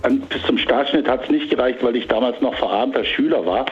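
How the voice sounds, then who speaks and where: A male caller heard over a phone line, with a mid-pitched voice and faint music behind. He speaks in a relaxed, wry way, often pausing with fillers. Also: breathy edge. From Germany. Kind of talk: phone-in chat.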